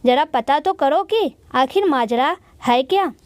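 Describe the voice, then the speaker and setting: A woman's voice: sits high, animated, a little slow, no room sound. A woman doing a defensive, scolding groom's father for a storybook. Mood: indignant. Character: indignant middle-aged father of the groom.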